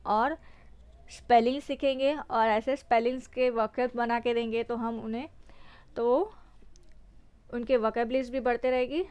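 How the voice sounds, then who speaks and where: A woman's voice: fairly high pitch, darkish tone, clear, resonant tone, no room sound. A woman teaching phonics, spelling out letters and repeating example words one by one. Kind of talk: slow explanatory phonics lesson.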